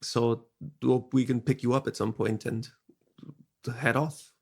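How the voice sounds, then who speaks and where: A man's voice: medium pitch, steady tone, unhurried, vocal fry, a little mellow, breathy edge. A man chatting and improvising casually as a player in a tabletop role-playing game.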